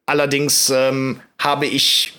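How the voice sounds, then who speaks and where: A man talking about music in a casual podcast chat, measured and hedging. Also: mid-range voice, completely flat delivery, sharp tone, smooth. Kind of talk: casual film discussion.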